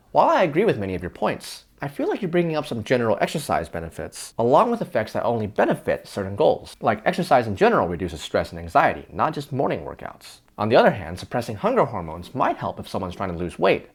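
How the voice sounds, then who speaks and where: In a scripted explainer sketch, the male host debates himself conversationally, playing several versions of himself that argue back and forth. His voice is mid-range with a breathy edge.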